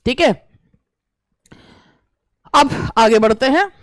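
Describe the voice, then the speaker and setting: A woman teacher, reading English exam questions slowly and explaining them at length. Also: high voice, animated, no echo. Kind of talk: exam-prep lesson.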